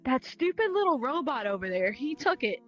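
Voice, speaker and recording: A woman in her twenties chatting casually, telling animated stories and mimicking other people in mocking voices. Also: sits high, brisk. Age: 20s. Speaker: VRChat player. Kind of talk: casual chat. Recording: faint music behind.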